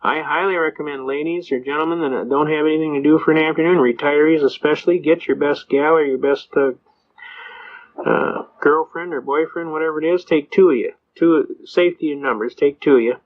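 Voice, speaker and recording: An older man, a Vietnam veteran, gives advice on citizens' rights in a rambling, folksy, anecdotal way, acting out quoted voices and saying "uh" a lot. His voice is fairly high and steady, his pace brisk, and the recording muffled.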